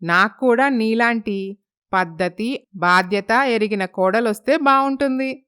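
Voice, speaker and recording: A woman's voice: a little high, unhurried, fairly bright tone, clear, resonant tone. A woman doing a chatty, admiring neighbor aunt. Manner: gossipy, praising.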